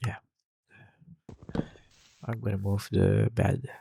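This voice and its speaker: On the low side and warm, this young gaming host's voice is gravelly with a breathy edge and little pitch movement. Speaking slowly with an Indonesian accent, he chats loosely during play, rambling with lots of fillers and restarts, in a dry recording.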